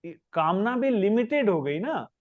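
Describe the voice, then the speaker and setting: A man's voice: high-pitched, very animated, a little slow, phone-quality sound. A man leading a spiritual question-and-answer class. He explains patiently with everyday examples. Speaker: spiritual teacher.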